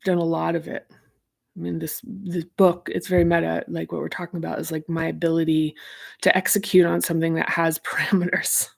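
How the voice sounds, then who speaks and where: A woman's voice: low voice, flat delivery, a little fast, gravelly. A woman, a self-help author, talking loosely through ideas from her own book, with lots of fillers as she searches for words. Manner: rambling and searching, heavy on fillers.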